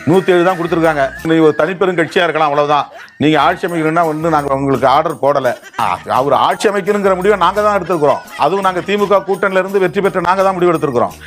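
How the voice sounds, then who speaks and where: A man's voice: on the high side, rapid-fire, a bit bright, soft background music. A man, a political commentator, arguing his point in an interview answer. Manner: argumentative, reasoning aloud.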